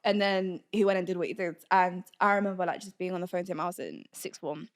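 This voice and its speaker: A woman's voice: lowish voice, fast. A woman with a London accent, using urban slang in casual podcast conversation.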